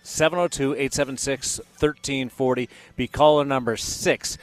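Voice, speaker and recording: A man's voice: medium pitch, fairly even intonation, moderate pace, faint music behind. A man hosting a sports radio show, delivering a contest promo and ticket giveaway to callers.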